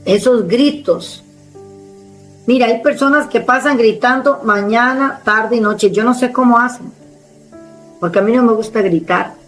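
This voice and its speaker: A woman evangelist preaching a sermon with a strong, forceful speaking tone, emphatic and direct, speaking with authority. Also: a little high, unhurried, faint music behind, poor audio.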